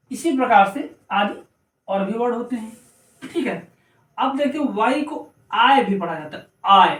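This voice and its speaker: Man teaching in an echoey room. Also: very high-pitched. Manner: spells words out letter by letter, repeats points. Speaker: English pronunciation teacher. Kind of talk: explanatory lesson. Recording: echoey room, mic at a distance.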